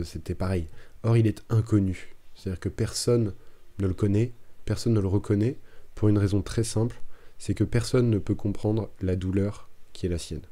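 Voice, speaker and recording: A French literature teacher on a live stream, explaining a poem casually and thinking aloud with frequent fillers and restarts. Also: male voice, sits low, warm tone. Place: home streaming setup. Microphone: streaming microphone.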